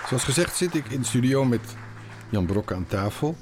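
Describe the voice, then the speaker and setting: Brisk male radio host in the studio. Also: mid-range voice, lively intonation, crowd noise, noisy background. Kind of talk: studio interview.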